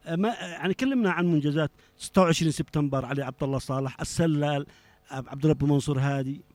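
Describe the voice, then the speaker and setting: A man with a Yemeni Arabic accent hosting a live radio call-in show, talking fast and cutting in on callers. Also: fairly high pitch, darkish tone, dry recording. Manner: fast, talks over callers.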